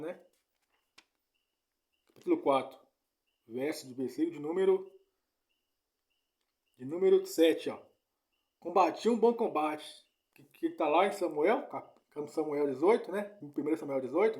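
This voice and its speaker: A man giving an informal Bible lesson. His voice is mellow and sits a little high. He circles back over each point and keeps checking that his listeners follow. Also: normal speed, long pauses. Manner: repetitive, keeps asking "né?" and "entendeu?". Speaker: preacher.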